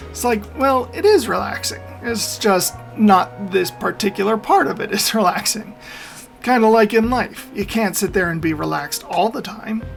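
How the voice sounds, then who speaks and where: A man's voice: high-pitched, gravelly. A man hosting a meme reaction video, talking casually and opinionatedly, rambling and laughing often. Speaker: meme reaction channel host. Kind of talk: casual commentary.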